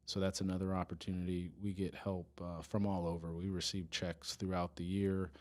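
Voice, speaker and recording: A man with a very low, deep voice talks through a casual podcast interview about his police department's work. He is earnest, stops and restarts often, and laughs easily. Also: level tone, brisk, a little mellow. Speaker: police department chief of staff, guest.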